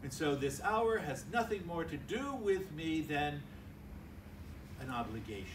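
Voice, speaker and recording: Filmed from a distance in a large church hall, an older man, a priest, speaks into a stand mic at a lectern. His sermon is conversational, with small acted-out dialogues, and his fairly high voice is animated and unhurried amid background noise.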